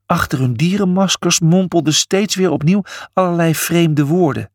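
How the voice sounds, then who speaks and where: A man reading a children's story aloud, with an expressive delivery. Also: fairly high pitch, normal speed, no echo, studio quality. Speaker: narrator.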